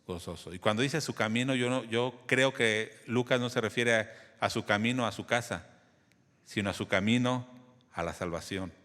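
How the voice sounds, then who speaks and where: A man's voice: mid-range voice, moderate pace, fairly bright tone, long reverb tail. A man preaching a sermon, teaching in a conversational way and often asking the congregation questions. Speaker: pastor.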